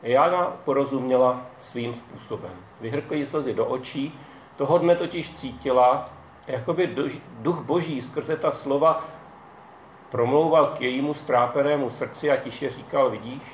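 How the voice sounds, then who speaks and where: Calm male narrator in an echoey room. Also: medium pitch, slight background noise. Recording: dull echoey room, faint ambience.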